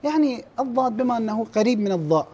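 A man teaching a class on recitation errors, explaining how mistakes are scored and slowing down to demonstrate verses. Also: very high-pitched, expressive, mellow. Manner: clears his throat now and then, restarts words.

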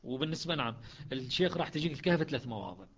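A man teaching a Quran recitation class, chanting verses slowly between quick spoken explanations. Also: fairly high pitch, lively intonation, a bit bright, breathy edge. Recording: dull lo-fi audio.

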